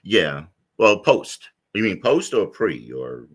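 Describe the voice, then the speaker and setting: A middle-aged man from the United States telling a personal story as an interview guest, rambling with many fillers and restarts in a deep voice. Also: very animated, takes it slowly, slightly rough. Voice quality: deep low voice.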